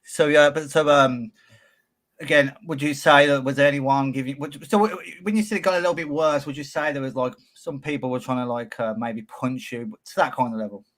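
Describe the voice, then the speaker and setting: A man's voice: mid-range voice, fairly even intonation, brisk, fairly bright tone. Brummie man, blunt laddish banter. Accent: Birmingham. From Birmingham, England. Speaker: podcast host. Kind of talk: casual interview chat.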